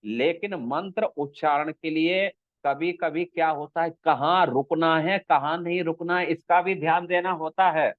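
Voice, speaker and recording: A man speaking as a spiritual teacher, unhurried and explanatory, now and then intoning a verse and asking if his listeners follow. His voice sits fairly high for a man. The sound is dry and thin, as if over a phone line. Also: steady tone, dry recording. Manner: slow, explanatory, checks with listeners. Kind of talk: scriptural discourse.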